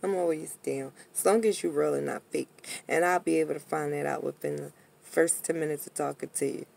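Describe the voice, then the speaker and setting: An American woman with a husky, gravelly voice, rambling drunkenly and bluntly in a casual rant to her viewers, with some swearing. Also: sits low, steady tone, brisk, darkish tone. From Pennsylvania, United States. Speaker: vlogger.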